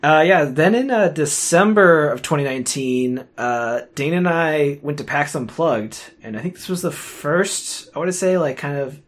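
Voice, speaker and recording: A man's voice: fairly high pitch, normal speed, hardly any pauses. A man co-hosting a podcast in casual chat, hesitant, with many fillers and chuckles. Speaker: podcast co-host.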